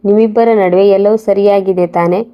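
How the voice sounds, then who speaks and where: A composed middle-aged father speaks in measured, even tones, as a woman storyteller reads him. His pitch barely moves. The sound is dull and lo-fi. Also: natural voice. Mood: probing.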